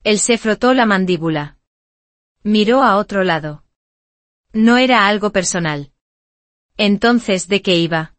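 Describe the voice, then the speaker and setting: Woman narrator with a mid-pitched voice, dry close sound, steady storytelling. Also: unhurried, pauses often, no echo. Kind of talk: first-person scripted story narration.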